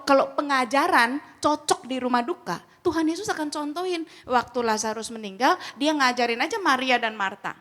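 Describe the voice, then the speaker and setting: High-voiced woman teaching with lively stories. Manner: lively storyteller who acts out quoted exchanges in slangy speech. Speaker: speaker at a church grief ministry training. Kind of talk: casual teaching talk.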